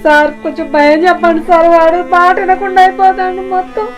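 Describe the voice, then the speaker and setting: A woman's voice: extremely high pitch, steady tone, faint music behind. A woman playing a young village wife who pleads with a policeman. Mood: pleading. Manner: pleading, rapid complaints.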